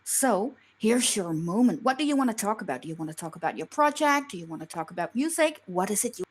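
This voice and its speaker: A woman's voice: mid-range voice, lively intonation, fast, husky. A woman hosting a casual live online show over voice chat, bubbly and playful, stumbling and restarting her sentences. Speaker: show host. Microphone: push-to-talk voice chat mic.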